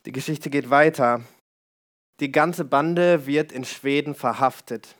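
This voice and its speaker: A man's voice: medium pitch, takes it slowly, fairly bright tone, soft background music. A man telling a conversion story in a sermon, conversational and explaining, with asides to his listeners.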